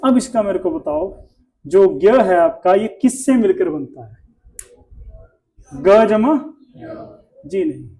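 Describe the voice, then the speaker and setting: A man teaches a Hindi class, his voice sitting noticeably high. He quizzes the students over and over and makes them repeat each sound. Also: expressive, takes it slowly, long pauses, mellow. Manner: asks the class questions and drills pronunciation. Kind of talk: classroom lesson.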